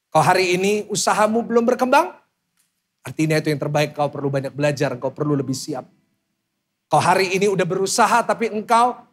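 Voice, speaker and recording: Man, 30s, pastor, sermon, husky, slightly high-pitched, energetic calls to the crowd. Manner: loud, lively preaching with calls to the congregation.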